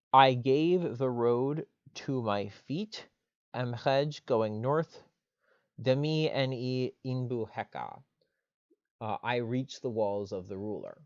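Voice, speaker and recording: A man giving a recorded online lecture in an explanatory way, pausing often on "uh" and "um". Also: lowish voice, no echo, lo-fi sound. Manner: explanatory, frequent "uh" and "um" fillers.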